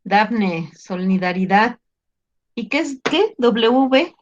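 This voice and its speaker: A woman teacher reviewing an exam with her class over a video call, patient and gently teasing as she questions students. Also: on the high side, lively intonation, extremely slow, muffled recording, a little hiss or hum.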